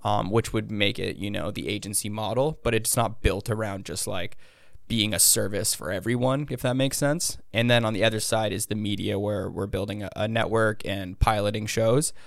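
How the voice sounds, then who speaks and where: An American man with a raspy vocal fry, chatting casually and ramblingly as a podcast guest. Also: lowish voice, fairly even intonation, moderate pace, dry recording, clean studio sound. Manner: rambling, hedging, self-interrupting. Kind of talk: casual interview chat.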